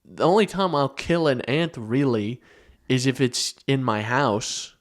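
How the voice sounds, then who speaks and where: A man's voice: mid-range voice, expressive, a little slow. A young man co-hosting a podcast in casual chat, rambling and swearing, restarting his sentences. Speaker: podcast co-host.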